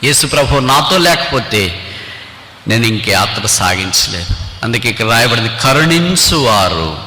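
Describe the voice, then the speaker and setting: A man's voice: mid-range voice, sing-song, normal speed, pushed and bright. A man preaching a sermon, exhorting with rhetorical questions and quoting scripture, with English phrases mixed in. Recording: echoey hall.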